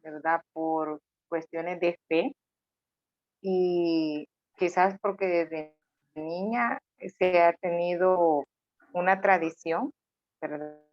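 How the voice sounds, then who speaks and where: Give me a slow, reflective woman guest on a dull-sounding recording. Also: lowish voice, no room sound. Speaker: panel guest. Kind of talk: personal testimony. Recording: dry muffled lo-fi audio.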